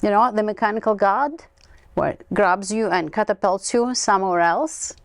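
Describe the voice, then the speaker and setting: Speaking with a Greek accent, this sixty-something woman from Greece co-owns a winery and spins lively stories as a talkative guest in a conversational studio interview. Her mid-range voice moves at a moderate pace, and there's no echo.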